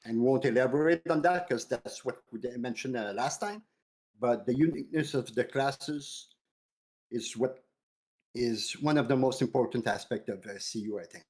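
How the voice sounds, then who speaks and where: Male co-host, measured and sincere, casual chat delivery. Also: mid-range voice, darkish tone. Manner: earnest, measured, restarts phrases.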